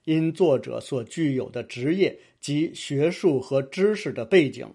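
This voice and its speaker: Husky, mellow-voiced man reading formally. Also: a little high, expressive, unhurried. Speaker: book reviewer. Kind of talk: scripted narration.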